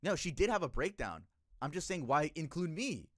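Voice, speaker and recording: Chatting with viewers on a livestream, this twenty-something guy spins a casual story full of profanity, his voice swooping from loud, emotional outbursts down to quiet muttering. His pace is moderate. The recording is close-miked and dry, without any echo.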